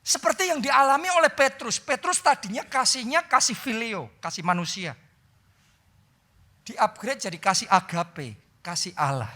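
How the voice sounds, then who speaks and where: Male pastor, Indonesian accent, dramatic sermon, bright voice, very animated pitch. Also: normal speed. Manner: dramatic preaching that swings from loud and high to soft and low.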